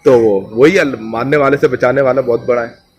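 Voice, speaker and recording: A man's voice: mid-range voice, fairly even intonation, lo-fi sound. A man telling a saint's legend in conversation, acting out the quoted dialogue as he goes. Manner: acts out quoted dialogue with shifts in loudness. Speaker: storyteller at a Sufi shrine.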